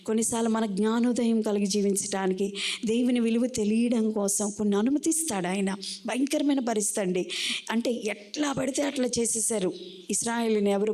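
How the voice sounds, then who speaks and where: A woman pastor preaching a sermon with a Telugu Andhra accent, rising often into fervent, high-pitched exhortation. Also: warm tone.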